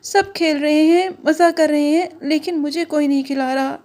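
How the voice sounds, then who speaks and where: A woman voicing a lonely, gentle male onion character in a cartoon, plaintive and childlike. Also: high voice, steady tone, moderate pace, lightly acted. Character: lonely smelly boy onion, gentle and sad.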